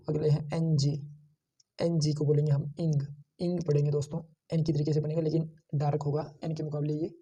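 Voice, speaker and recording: A man teaching shorthand, slowly repeating each sound and pointing out how every stroke is drawn. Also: fairly high pitch, dark tone, husky, recorded from a distance. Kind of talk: screen-share lesson.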